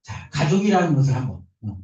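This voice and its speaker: A man giving a lecture on parenting, lively and animated, acting out the parents' and children's lines as he explains. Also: medium pitch, a little fast. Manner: lively, acts out parents' and kids' quoted lines. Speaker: lecturer on adolescent counseling. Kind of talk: recorded lecture. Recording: distant, echoey, muffled room recording.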